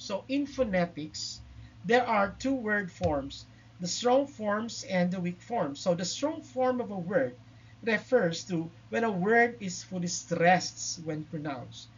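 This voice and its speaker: A man's voice: sits high, slightly rough. A man teaching a linguistics lecture, explaining step by step and checking in with "no?" and "okay?" tags. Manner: explanatory, with frequent "no?" and "okay?" check-ins and "uh" fillers. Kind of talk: recorded lecture. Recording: dull lo-fi recording.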